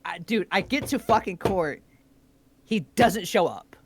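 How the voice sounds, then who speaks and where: Telling stories on a live stream he co-hosts, this young man is an animated talker who swears a lot. His high voice moves at an unhurried pace over background noise.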